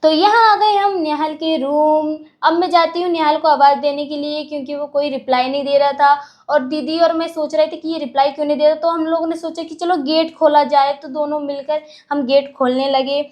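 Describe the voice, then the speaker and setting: A young woman narrating her travel vlog as a lively, chatty voice-over. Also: high voice, fairly quick. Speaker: vlogger.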